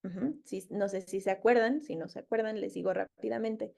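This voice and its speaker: A woman's voice: mid-range voice, fairly quick, creaky, a little mellow. A woman teaching a casual Bible study, chatty and loose, quizzing her listeners as she retells the story in her own words.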